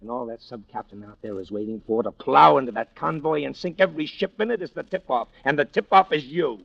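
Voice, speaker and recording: A man's voice: medium pitch, fairly quick, gravelly, dry recording. An actor playing a cynical, urgent American tough guy, slangy and sardonic, in an old-time radio drama. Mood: urgent, angry. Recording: muffled vintage radio recording.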